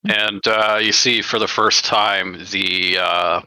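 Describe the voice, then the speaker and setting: A man's voice: lowish voice, steady tone, slow, sharp tone, dry recording. A man describing his character in a tabletop game, rambling and hesitant with many fillers. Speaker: player. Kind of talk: tabletop play and narration.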